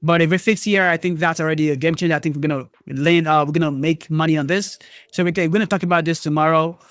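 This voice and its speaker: A man hosting a live trading stream, talking to viewers in an excitable way, swearing and thinking aloud, jumping between loud outbursts and low mutters. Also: fast talker, dry recording, clean studio sound. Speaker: trading livestream host.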